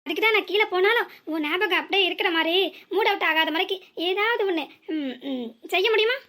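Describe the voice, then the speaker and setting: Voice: very high-pitched, lively intonation, brisk, bright, forceful tone, full character voice. A voice actor playing a boastful young husband in a comic cartoon who is secretly afraid of ghosts and stammers when nervous.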